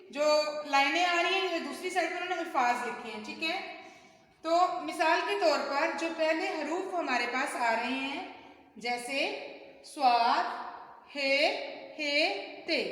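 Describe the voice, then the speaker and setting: A woman's voice: sits high, a bit bright. A woman teaching a primary school Urdu lesson to children, patient and explaining step by step. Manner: patient, explains step by step, addresses pupils as "beta". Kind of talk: recorded homework lesson for children. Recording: strong echo, long hall reverb.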